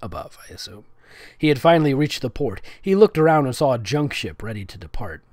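He's a host with a mid-range, slightly mellow voice, lively intonation, and a fairly quick pace, performing fan fiction as a comedic dramatic reading. Sarcastic, nitpicking asides and giggles keep interrupting, all captured in clean, echo-free studio sound.

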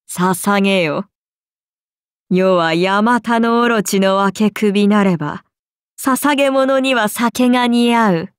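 These are video game voice lines from an actress playing a haughty ancient serpent goddess, imperious and archaic in her speech, languid, amused, and menacing. Her female voice is mid-range, recorded at studio quality with no echo.

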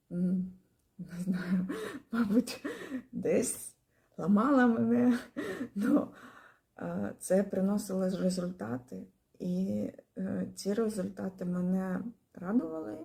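A woman giving a spoken testimonial about her language course, pausing often with fillers and restarting her words. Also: medium pitch, vocal fry, dark tone. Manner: hesitant, many fillers and pauses.

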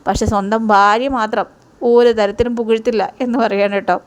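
A woman's voice: medium pitch, little pitch movement, fairly quick, clear, resonant tone. A woman casually retelling a TV serial episode in a chatty way, keeping the listener involved with asides. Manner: chatty, keeps adding "you know" asides to the listener. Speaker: TV serial reviewer.

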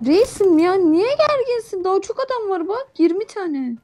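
A woman's voice: very high-pitched, animated, normal speed, dark tone, a little hiss or hum. A woman co-player teasing her partner playfully in casual chat during a game.

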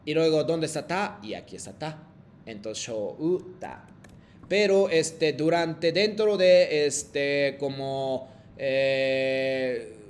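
Man, language teacher, patient, frequent check-ins, lots of fillers, slightly high voice, faint rumble behind. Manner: hesitant phrasing with many fillers. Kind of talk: language lesson with call-and-repeat drills.

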